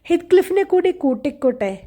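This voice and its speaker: A woman's voice: very high voice, big pitch swings, normal speed, mellow, pitched above the performer's own voice. A woman voicing a spirited, headstrong young girl who pleads and scolds in a storybook reading. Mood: pleading. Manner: pleading, then sharply scolding.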